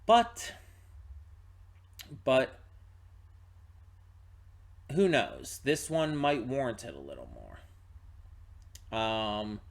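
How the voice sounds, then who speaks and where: A man hosting a reaction channel, talking casually and rambling with frequent restarts while tired and yawning. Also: on the high side. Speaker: channel host. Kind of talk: casual pre-reaction talk to camera.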